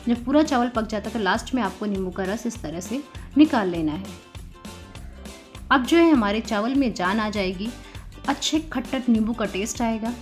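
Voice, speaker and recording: A woman's voice: mid-range voice, a little mellow. A woman hosting a home cooking tutorial, talking viewers through each step in a friendly, chatty way. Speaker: cooking channel host.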